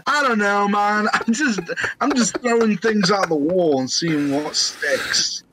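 A man's voice: high voice, a little slow, noisy background. A young man in casual chat, guessing answers with jokes and laughing a lot.

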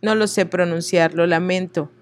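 This woman from Oaxaca, Mexico, has a lowish voice and reads texts aloud at a moderate pace in a steady tone. When she trips over unfamiliar words, she pauses for sincere, apologetic asides.

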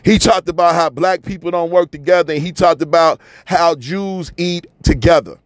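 A man's voice: on the high side, normal speed, no room sound. A man from Chicago delivering a fiery, repetitive, preachy monologue rant, often swearing as he hammers his points home. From Chicago, USA. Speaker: commentator.

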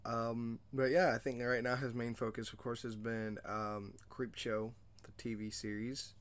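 A man's voice: medium pitch, little pitch movement, unhurried. A young adult man hosting a casual movie discussion podcast, rambling loosely with many fillers and self-mocking jokes. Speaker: podcast host.

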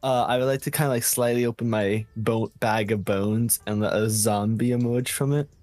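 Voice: mid-range voice, fairly even intonation, normal speed, darkish tone, no echo, faint music behind. A player in a tabletop game, talking in a laid-back way. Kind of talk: tabletop role-play chat.

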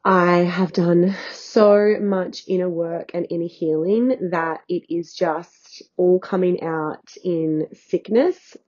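A woman's voice: on the low side, slow, hardly any pauses, darkish tone, lo-fi sound. A woman hosting a podcast, talking in a loose, unscripted way with a nasal, congested voice from illness, sitting on a bed at home. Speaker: podcast host and healing coach. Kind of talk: casual solo podcast chat.

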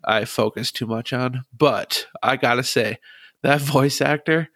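A man's voice: medium pitch, unhurried, fairly bright tone, dry recording, studio quality. A man hosting a casual gaming podcast, chatty and frank, laughing often. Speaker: podcast host.

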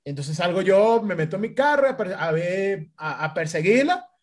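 Lively Venezuelan man telling a story. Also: high-pitched, moderate pace. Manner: animated storytelling, acts out quoted voices, laughs often. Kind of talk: casual chat.

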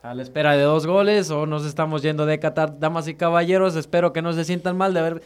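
Mexican man for live match play-by-play. Fairly high, crisp voice, excitable, repeats himself as play develops. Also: fast. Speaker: football match commentator. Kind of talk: live football play-by-play commentary.

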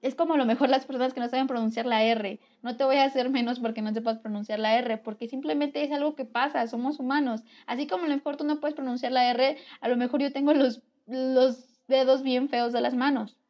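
Young Mexican woman vlogger, earnest and chatty, slightly high voice, muffled home recording. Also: fairly quick, few pauses. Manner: earnest, conversational, lively emphasis. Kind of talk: casual advice talk to camera. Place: home near a railway.

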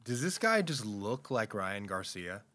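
A man's voice: lowish voice, big pitch swings, a little slow, sharp tone. A man co-hosting a podcast in casual chat, thinking aloud and musing over questions.

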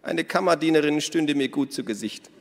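A man doing a loud, sly, cackling woman. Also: fairly high pitch, normal speed, pitched above the performer's own voice, lightly acted. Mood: boisterous. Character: boisterous middle-aged woman, greedy and sly. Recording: long hall reverb.

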